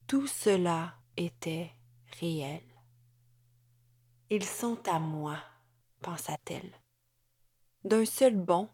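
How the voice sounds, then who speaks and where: A woman reading an audiobook novel in measured, deliberate narration. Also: medium pitch, darkish tone, no room sound, clean studio sound. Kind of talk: scripted narration.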